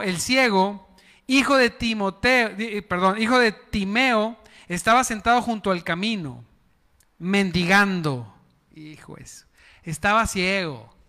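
A man preaches to his congregation with a high, bright voice and an unhurried pace, firing questions at them and leading call-and-response. His voice carries a long reverb from the hall. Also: smooth. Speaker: pastor. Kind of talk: sermon.

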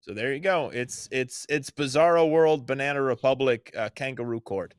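A man's voice: medium pitch, moderate pace, clean tone, no echo. Guy cohosting a political podcast, indignant and sarcastic, dry close sound. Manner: indignant, sarcastic, mocking mimicry. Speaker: podcast co-host. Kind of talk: casual political chat.

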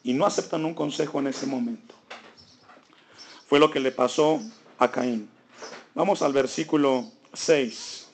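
A man's voice: mid-range voice, a little slow, long pauses, slight background noise. A man preaching a sermon, asking the congregation rhetorical questions and building his emphasis. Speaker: pastor.

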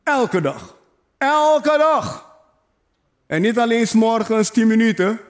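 A man preaches with a high, slightly mellow voice at a moderate pace. As pastor, he presses his congregation with repeated phrases, calls to them directly and adds playful asides.

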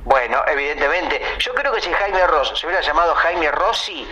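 A man with a Rioplatense Spanish accent banters on a comedy podcast, stretching out his jokes in playful riffs. His voice sits a little high for a man. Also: animated, bright, forceful tone, highs cut off, a little hiss or hum. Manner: playful, drawn-out absurd riffs. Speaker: podcast co-host.

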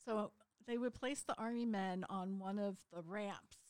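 A middle-aged woman co-hosting a casual chat, upbeat and quick to laugh. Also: mid-range voice, a little mellow, clean tone, dry recording, studio quality. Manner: upbeat, laughs often, fills in his stories. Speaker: podcast co-host.

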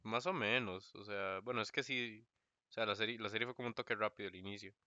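Lively young Costa Rican man, bright voice. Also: lowish voice, quick pace, no echo, lo-fi sound. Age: young adult. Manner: animated storyteller, mimics voices. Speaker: co-host. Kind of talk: casual livestream chat.

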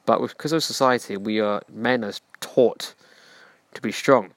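Male podcast host, low-pitched, earnest self-help lecturing, dry recording. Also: unhurried, no echo. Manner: earnest, preachy, direct address to listener.

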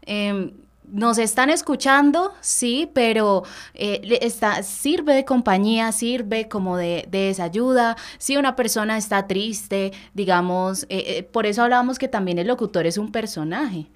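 A woman's voice: mid-range voice, unhurried. Thoughtful woman hosting a podcast. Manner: thoughtful, searching for words with many fillers. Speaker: podcast co-host. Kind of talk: casual podcast chat.

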